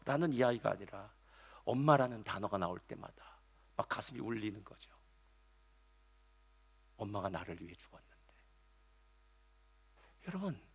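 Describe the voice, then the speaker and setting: Animated, gravelly-voiced male pastor preaching. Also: a little high. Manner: animated preaching with sudden drops to soft storytelling. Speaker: senior pastor. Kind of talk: Sunday sermon.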